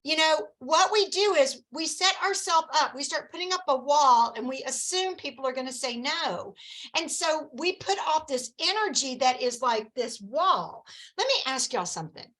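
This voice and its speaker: A woman coaching her sales team in a lively, chatty, encouraging way, with folksy asides. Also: sits high, moderate pace, low-quality recording.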